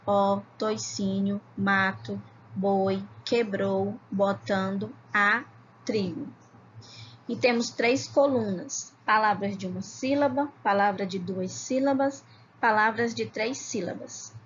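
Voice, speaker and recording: A woman from Ceará teaching a children's video lesson, calling herself "tia" and sounding out words slowly, syllable by syllable. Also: mid-range voice, a bit bright, muffled recording, slight background noise. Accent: Brazilian Portuguese, Ceará. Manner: slow, syllable-by-syllable reading, calls herself "tia". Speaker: primary school teacher.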